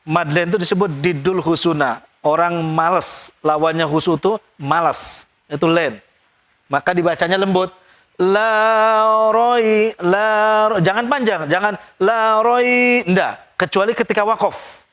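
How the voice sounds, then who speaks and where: A man teaching Quran recitation rules, explaining quickly and chanting examples slowly and drawn out. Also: high-pitched, fairly bright tone. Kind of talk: tajwid lesson with recited examples.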